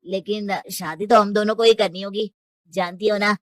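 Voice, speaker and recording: A man's voice: sits high, flat delivery, normal speed, a bit bright, dry recording. Male actor as callous young rich groom in an audio story, casual, offhand, dry recording. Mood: matter-of-fact.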